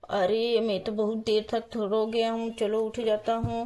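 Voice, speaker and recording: A startled husband, just up from a nap, firing the same questions over and over, as a woman puts him on. The voice sits lower than her own but stays high for a man, in a doll storybook video. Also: level tone, a little slow, dark tone, slight background noise, close to an everyday voice. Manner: repeats questions in alarm. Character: flustered husband just woken, demanding answers.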